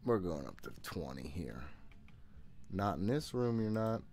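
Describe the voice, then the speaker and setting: A man in his thirties speaks in a low, darkish, sing-song voice, a little slowly. Streaming a horror game from a small home room, he offers casual live commentary as jittery self-talk with frequent swearing.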